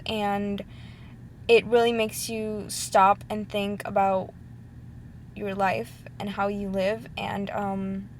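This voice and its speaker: A woman's voice: medium pitch, a little hiss or hum. A young woman of about twenty from Ecuador, talking casually and heartfelt to her laptop webcam, rambling with many ums and likes. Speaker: vlogger. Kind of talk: casual talk to camera. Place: indoors at home, sitting at her computer. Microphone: laptop webcam mic.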